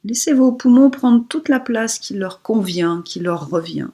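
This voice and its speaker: Guiding a relaxation meditation, this female yoga teacher speaks softly and breathily, on the high side and expressive, pausing often as she delivers calm, leisurely instructions.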